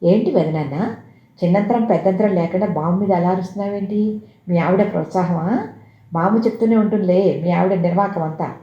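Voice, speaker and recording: A storyteller voicing a sharp-tongued, defiant thirteen-year-old girl who drawls and mocks, in a roomy, dull recording. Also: mid-range voice, fairly even intonation, normal speed, natural voice. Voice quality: drawling, mocking.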